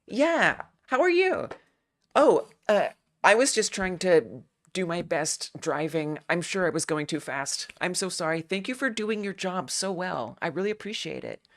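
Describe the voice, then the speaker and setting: A syrupy, eager-to-please grown woman chirps her way through a polite request, as a woman puts the voice on. Her voice sits raised, light and lilting, with a bouncy, animated swing to it. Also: lowish voice, unhurried. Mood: sugary polite. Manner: sweet, eager to please, apologetic. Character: overly polite adult woman at a service counter.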